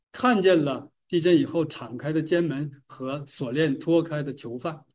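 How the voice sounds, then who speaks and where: A man leads a Bible study, retelling scripture in a measured, explanatory way. His voice sits fairly high for a man. It comes from a distance, through a dull, lo-fi recording. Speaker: Bible teacher. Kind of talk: Bible exposition. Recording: distant mic, dull lo-fi sound.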